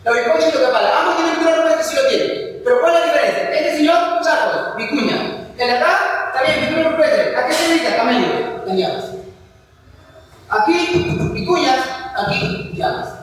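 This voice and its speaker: A man's voice: extremely high pitch, lively intonation, moderate pace, fairly bright tone. A man teaching a history class, asking rhetorical questions, answering them himself and repeating key points. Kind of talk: classroom lecture. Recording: echoey hall, voice from far off.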